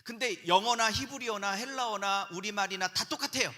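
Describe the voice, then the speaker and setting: Brief: male pastor, bright piercing tone, lively call-and-response preaching, big church hall reverb. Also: high-pitched, fairly quick. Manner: animated, call-and-response with the congregation. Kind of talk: sermon lecture at a pastors' seminar. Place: large church sanctuary. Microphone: handheld microphone.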